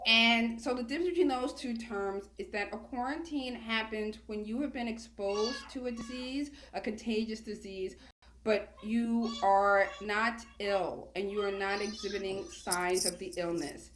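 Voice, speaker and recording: A woman's voice: mid-range voice, steady tone, a little slow, a bit bright, a little hiss or hum. A woman, talking casually and chattily as a guest in an interview. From Queens, New York, United States. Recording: roomy, echoey sound.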